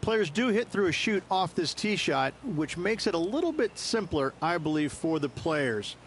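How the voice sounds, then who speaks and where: A man's voice: high voice, very animated, normal speed, a little hiss or hum. A man playing a folksy, explanatory golf analyst commentating in a video game. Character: male golf analyst explaining course strategy.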